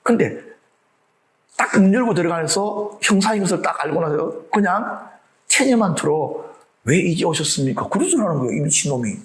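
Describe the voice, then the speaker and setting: A man preaching a sermon in an animated way, asking the congregation rhetorical questions and acting out the voices of the people in his story. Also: high-pitched, moderate pace, poor audio. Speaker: pastor.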